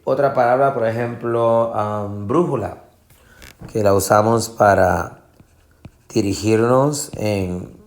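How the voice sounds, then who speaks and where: Patient low-voiced man teaching Spanish. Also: a little mellow. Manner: explains patiently, repeats words slowly to show stress, uses English fillers. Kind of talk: classroom lesson.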